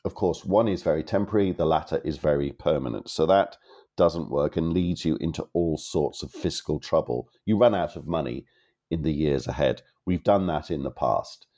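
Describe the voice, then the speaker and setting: A man's voice: very deep voice, normal speed, warm tone. A man hosting an economics podcast, explaining in long turns with wry asides. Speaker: podcast host.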